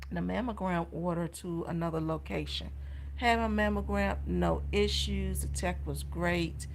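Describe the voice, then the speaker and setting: Gravelly-voiced woman telling an emotional story. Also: lowish voice, a little hiss or hum. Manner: emotional, heartfelt retelling. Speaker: vlogger. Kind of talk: personal health vlog story.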